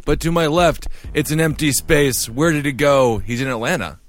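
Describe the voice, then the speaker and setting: A man's voice: fairly high pitch, normal speed. A man hosting a comedy podcast in casual chat, joking and teasing his co-hosts. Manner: jokey, teasing, lively. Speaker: podcast host.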